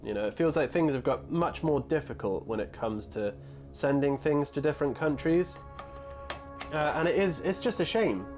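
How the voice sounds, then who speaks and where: A man's voice: on the high side, moderate pace, darkish tone, faint music behind. Chatty man in his thirties. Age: 30s. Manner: chatty, rambling, answers chat messages. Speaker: hobby streamer. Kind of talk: casual live-stream chat.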